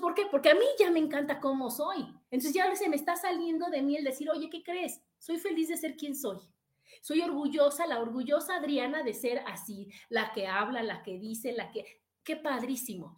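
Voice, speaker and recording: High-voiced Mexican woman, chatty. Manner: warm, chatty, addresses viewers directly. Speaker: live-stream host reading viewer comments. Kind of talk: casual motivational talk.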